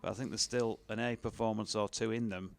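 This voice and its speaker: Bloke calling cricket on radio, lowish voice, easygoing and chatty. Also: male voice, brisk, gravelly. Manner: relaxed, chatty, with fillers and laughs between balls. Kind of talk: ball-by-ball radio commentary.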